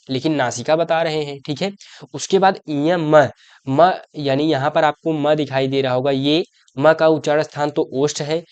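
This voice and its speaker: A man's voice: on the high side, clear, resonant tone, no echo. A young man teaching an exam-prep grammar lesson. He explains step by step, asks questions and answers them himself, and keeps calling the viewer his brother.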